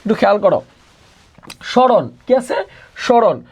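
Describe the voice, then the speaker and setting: A man's voice: high-pitched, animated, normal speed, husky. Young male tutor, repetitive question-and-answer drilling, mixes in English words. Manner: repeats each question and answers it himself in a call-and-response drill. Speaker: admission test tutor. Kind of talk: online exam-prep lesson.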